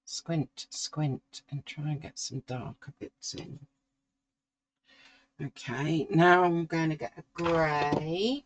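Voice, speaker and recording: A middle-aged woman, slowly talking through a drawing as she works and musing to herself. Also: sits low, low-quality recording. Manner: slow, musing, talks to herself while drawing. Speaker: art tutor. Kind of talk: relaxed painting tutorial.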